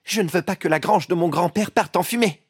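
A woman voicing a gentle, timid young boy in an audiobook drama. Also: fairly low pitch, fairly quick, slightly rough, no room sound, clean studio sound. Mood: earnest.

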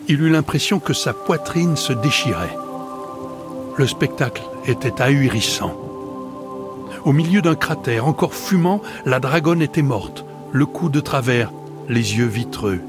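A man's voice: medium pitch, lively intonation, unhurried. Male audiobook narrator, dramatic storytelling, faint music and rain.

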